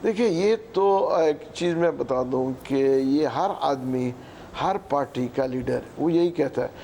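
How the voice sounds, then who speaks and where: A man in his sixties with a Pakistani Urdu accent, answering as a political guest in slow, halting sentences full of fillers, often clearing his throat. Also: fairly high pitch, mellow, a little hiss or hum. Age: 60s. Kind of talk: hesitant interview answers.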